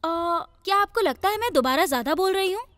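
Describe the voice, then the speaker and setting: Cheeky young psychiatrist, very high voice, bright tone, dry studio sound, chatty. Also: female voice, expressive, fairly quick, no room sound. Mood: playful. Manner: chatty, teasing, talkative. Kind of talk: Hindi film dub. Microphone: studio dubbing mic.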